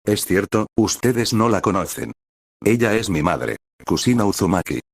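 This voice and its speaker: Calm, steady teen ninja boy, low and dry, read by a man. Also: normal speed, gravelly, no echo. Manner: calm, steady, matter-of-fact. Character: teenage boy ninja hero, calm and direct.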